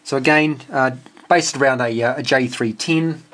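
Speaking at a moderate pace in a medium-pitched, slightly bright voice, a New Zealand man shows off his homebuilt radio receiver in an unscripted technical walkthrough. He's hesitant and talks in short phrases indoors at his workbench, and the home video is noisy with clicks.

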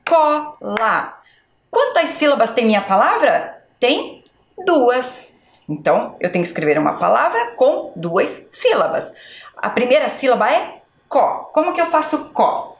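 A woman teacher slowly sounding out syllables and letters for young children in a spelling lesson. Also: fairly high pitch. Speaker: schoolteacher. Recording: echoey room.

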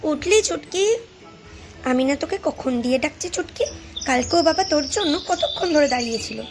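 A woman's voice: high voice, expressive, a little fast, over music. A woman voicing a scolding but caring mother in a cartoon, nagging her daughter. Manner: nagging, scolding, then soothing. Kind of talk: Bengali cartoon voice acting.

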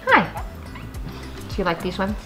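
Loud music plays behind a woman in her thirties as she chats enthusiastically to camera about gardening, showing seed packets in her home kitchen. Her mid-range voice swings hugely in pitch, and she speaks unhurriedly.

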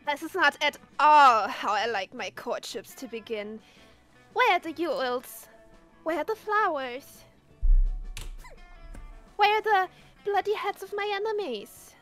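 A haughty young royal lady with a high, bright voice, as a woman reads her lines aloud during a game session. She speaks in grand, indignant phrases, as if every courtesy is owed to her. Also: expressive, measured pace, long pauses, soft background music.

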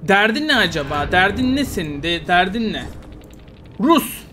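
A Turkish man giving heated, taunting commentary while playing a game, swinging between loud outbursts and muttering. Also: high voice, moderate pace, slight background noise. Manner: excitable, frustrated, taunting, swings loud and quiet. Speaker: gaming YouTuber. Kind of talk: live gameplay commentary.

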